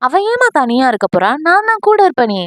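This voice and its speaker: A woman's voice: high voice, big pitch swings, fairly quick, fairly bright tone, no room sound. A woman voicing a playful young man in an audio novel, teasing and mock-dramatic.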